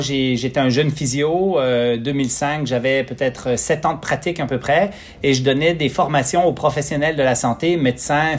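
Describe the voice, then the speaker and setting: A man in his forties with a Quebec French accent, a physiotherapist talking as a podcast guest, pausing often with fillers and restarts. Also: on the high side. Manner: hesitant, many fillers and restarts. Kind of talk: casual interview talk.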